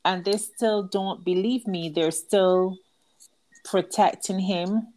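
A woman's voice: mid-range voice, steady tone, slow pace, mellow. A woman with a Barbadian accent, a book author telling her life story earnestly as a guest in an interview. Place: outdoors at night with crickets. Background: crickets.

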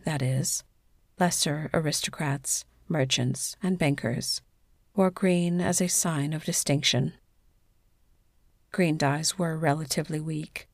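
A woman narrating a scripted sleep story in a soothing, measured bedtime delivery. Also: low voice, no echo, studio quality.

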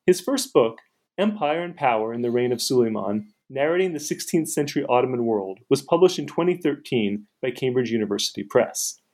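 A man hosting a podcast, introducing his guest in a measured, formal way. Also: medium pitch, expressive, a little mellow. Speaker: podcast host and researcher.

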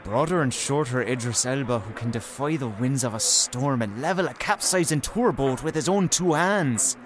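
An actor playing a witty, excitable young male sidekick with a wry, flowery way of talking in an audio drama. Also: mid-range voice, moderate pace, natural voice. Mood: admiring. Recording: clear stormy dockside noise behind.

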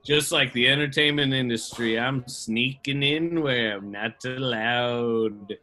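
A man's voice: mid-range voice, slow pace, pushed and bright. A man improvising at a mock press conference, ranting and swearing in a jokey way. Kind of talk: improv comedy.

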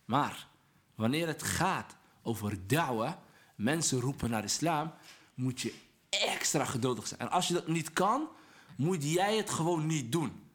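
A man's voice: on the high side, lively intonation, measured pace, fairly bright tone. A man speaking as a podcast guest, earnest and persuasive, preaching about patience and anger and mixing Arabic religious phrases into his talk. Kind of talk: casual podcast conversation, preaching tone.

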